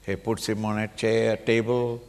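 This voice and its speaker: A man's voice: lowish voice, level tone, a little slow, darkish tone, clear, resonant tone. A man with an Indian accent giving a dramatic spiritual discourse as a teacher, emphatic and full of rhetorical questions. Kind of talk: animated sermon with acted-out examples. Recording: reverberant hall with long echo.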